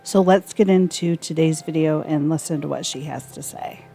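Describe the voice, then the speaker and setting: A woman with a notably low voice walks through a case in a calm, conversational way. She pauses on an occasional filler as she goes. Soft music plays faintly underneath. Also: creaky. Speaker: true crime commentator. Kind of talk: casual recap commentary.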